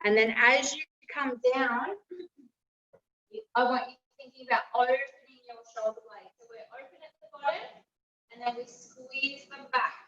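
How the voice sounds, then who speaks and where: A woman's voice: high-pitched, fairly even intonation, moderate pace, a bit bright. A woman leading a group workout as fitness instructor, giving encouraging cues and instructions. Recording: roomy, distant mic, slightly dull.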